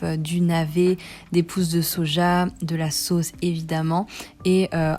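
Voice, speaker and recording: A woman's voice: lowish voice, mellow. A young woman narrating a casual food vlog, gushing with enthusiasm about each dish. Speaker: food vlogger.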